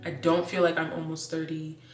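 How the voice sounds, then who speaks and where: A woman's voice: sits low, monotone, brisk, recorded from a distance. A woman in her late twenties chatting casually in a vlog, rambling with lots of "like" fillers and restarts. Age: 20s. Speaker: vlogger. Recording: echoey room, voice set back from the mic, faint music.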